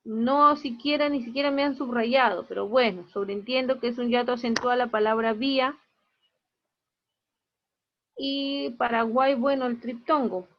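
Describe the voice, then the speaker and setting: A woman's voice: fairly high pitch, steady tone, a little slow, muffled recording. A woman teaching an online class, going through her students' grades one by one and explaining each mark in a plain, matter-of-fact way.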